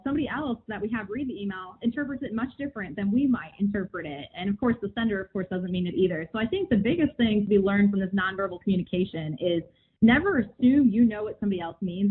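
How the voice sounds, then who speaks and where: A woman hosting a casual podcast, leading the conversation in an upbeat manner, with a husky voice. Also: medium pitch. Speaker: podcast host. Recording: tinny phone-like line.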